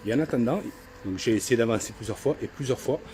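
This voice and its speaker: A middle-aged man filming his own paranormal investigation inside an old house on a handheld camera, talking in a halting way with many restarts. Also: mid-range voice, darkish tone, faint music behind. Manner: hesitant, repeats himself often. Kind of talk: casual vlog narration.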